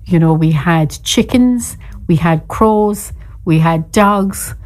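A middle-aged woman with a Cork Irish accent, telling stories in a lilting, unhurried storyteller's way with chatty asides. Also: on the low side, a little mellow. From Cork, Ireland. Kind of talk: oral storytelling with chatty introduction.

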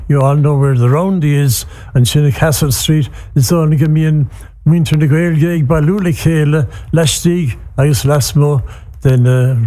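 Mellow, higher-pitched Cork man chatting on radio. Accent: Irish, Cork. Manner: rambling, hesitant, conversational. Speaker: community radio host. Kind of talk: casual radio chat mixing English and Irish.

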